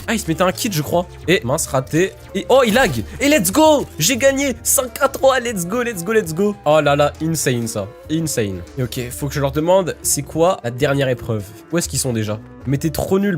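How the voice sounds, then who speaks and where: Excitable man doing gameplay commentary. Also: on the high side. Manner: excitable, frequent exclamations. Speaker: gaming YouTuber.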